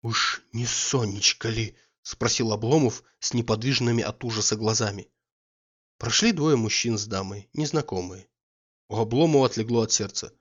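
A man narrating a literary audiobook at a measured, even pace. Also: lowish voice, muffled recording.

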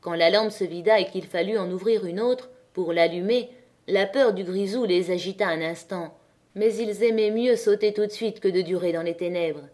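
Expressive woman reading a classic novel. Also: medium pitch, moderate pace. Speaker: audiobook narrator. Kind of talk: audiobook narration of a classic novel.

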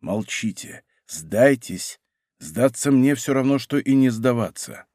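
A man reading an audiobook, voicing a swordsman who speaks low and urgently. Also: lively intonation, takes it slowly, darkish tone, no room sound, studio quality. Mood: hushed. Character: bold grown Gascon swordsman, urgent and secretive.

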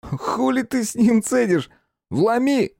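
A man voicing a flat-faced young thug in an audiobook, jeering and goading his friend on. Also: high-pitched, normal speed, no echo, clean studio sound, pitched above the performer's own voice. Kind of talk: audiobook character voice.

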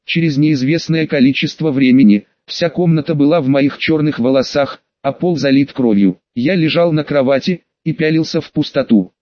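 A man's voice: on the high side, dry recording. A man reading a first-person audiobook with an emotional, dramatic delivery. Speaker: audiobook reader. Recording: dull dry lo-fi recording.

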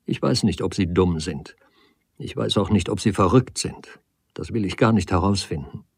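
A man reading the part of a proud young woman who speaks in a sharp, reproachful way in a storybook reading. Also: moderate pace, vocal fry, husky, no room sound, exaggerated voice. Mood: cold. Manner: sharp, reproachful, rising pitch.

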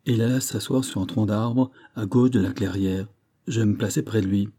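Dark-voiced man reading a novel aloud. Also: fairly even intonation, moderate pace. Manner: reads dialogue with raised pitch and force. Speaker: audiobook reader. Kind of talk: scripted narration of a classic novel.

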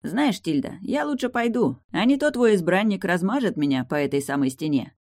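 A woman's voice: lowish voice, animated, a little fast, a little mellow, voice pushed up. A reader voicing a smug, mannered male trainer who talks cheekily. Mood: cheeky.

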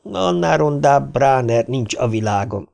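Cast: man voicing a brash, mocking boy, slow and deliberate. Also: mid-range voice, expressive, creaky, darkish tone, voice pushed up. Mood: scornful. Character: cheeky wisecracking boy.

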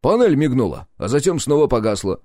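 A male narrator voicing a blunt, gloomy crewmate in an audiobook, speaking loudly and with exasperation. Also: medium pitch, sing-song, a little fast, no echo, studio quality, pitched above the performer's own voice, natural voice. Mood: exasperated.

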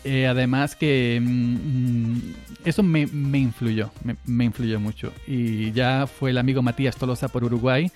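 Hosting a casual live stream from Granada in Andalusia, this man in his forties rambles to listeners, often repeating words and chuckling. His medium-pitched, darkish voice is fairly even and a little slow, picked up by a desk mic through an audio interface with faint music behind.

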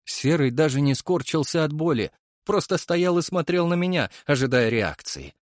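A man narrating an audiobook in the first person, in an expressive way, on a close microphone. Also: on the high side, moderate pace, no echo. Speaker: audiobook reader.

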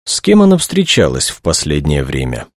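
A man's voice: a bass voice, huge pitch swings, normal speed, no echo, studio quality, exaggerated voice. A man reading aloud, voicing a matter-of-fact male detective who keeps asking pointed questions. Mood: probing.

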